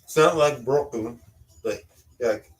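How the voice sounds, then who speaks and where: A man hosts a relaxed live cooking stream from a home kitchen, slow and unhurried in his talk. He chats loosely, drops a casual swear word now and then, and talks to his cat between tasks. His voice sits a little away from the microphone. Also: medium pitch. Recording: voice a bit distant from the mic.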